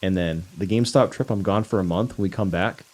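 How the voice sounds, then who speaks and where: A young man casually telling stories on a podcast, acting out quotes with big jumps in his voice. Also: quick pace. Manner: animated, acts out quotes with big pitch jumps. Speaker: podcast co-host. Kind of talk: casual storytelling chat.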